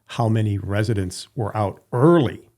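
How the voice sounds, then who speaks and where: A man appearing as a guest, explaining town events in a relaxed, plain-spoken way and repeating words. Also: lowish voice, moderate pace. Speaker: recreation supervisor, guest. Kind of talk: casual interview.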